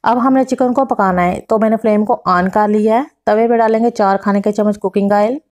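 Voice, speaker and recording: Woman, cooking-channel host voicing over a recipe, methodical step-by-step delivery. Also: medium pitch. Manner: steady step-by-step instructions with measured quantities.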